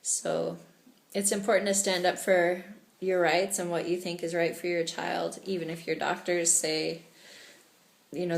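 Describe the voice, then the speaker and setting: A chatty, earnest woman from Canada talking in a casual video diary. Her voice sits a little low and carries some echo from the room around her. She talks in a relaxed, personal way. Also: a little hiss or hum. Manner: earnest, chatty, laughs often. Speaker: vlogger. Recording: echoey room.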